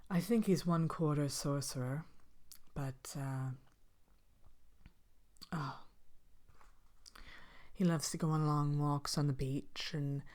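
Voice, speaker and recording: A woman playing a vain, haughty evil queen in an ASMR fairy-tale roleplay, speaking softly with languid, droll, hesitant pauses and some whispering. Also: low-pitched.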